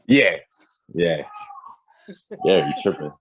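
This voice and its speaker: A man's voice: low-pitched, animated, slow pace, slight background noise. A man co-hosting a podcast, arguing his point insistently. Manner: insistent, argumentative. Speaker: podcast co-host. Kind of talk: casual debate.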